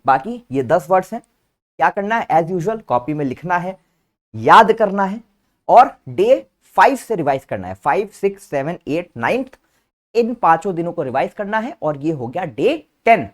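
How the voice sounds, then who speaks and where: A man's voice: high voice, big pitch swings, normal speed. A male teacher giving an online vocabulary lesson, patiently spelling each word out letter by letter and calling his students "beta" in a fond, coaxing way. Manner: calls listeners "beta" fondly.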